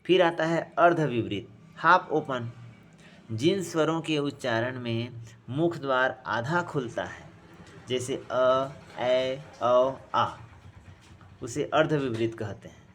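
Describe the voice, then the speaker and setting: A man's voice: mid-range voice, expressive, a little slow, fairly bright tone, slight background noise. A man teaching a grammar lesson, speaking each sound aloud, repeating key terms and addressing his students as friends.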